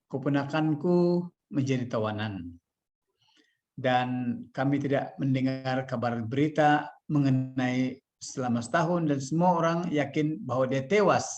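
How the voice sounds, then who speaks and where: Man from Malaysia, dull lo-fi audio. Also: on the high side. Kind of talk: devotional talk and reading a story aloud.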